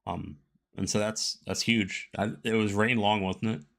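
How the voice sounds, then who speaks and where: Bright, low-pitched man hosting a chat. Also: fairly even intonation, creaky. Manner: informal, halting, thinking aloud. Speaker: interviewer, host. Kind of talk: casual conversational interview.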